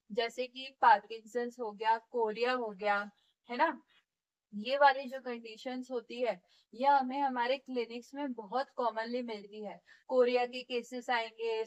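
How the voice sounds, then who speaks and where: A woman with a fairly high voice teaches physiotherapy the way she would in a classroom. She explains each point patiently, one step at a time, and keeps checking in with her students. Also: poor audio. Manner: demonstrates movements while teaching. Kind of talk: classroom lecture.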